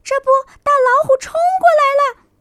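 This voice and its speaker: A woman voicing a group of small forest animals in a children's story, high, shrill and quick. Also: a bit bright, no echo, studio quality. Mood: frightened. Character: frightened, then mocking little forest animals.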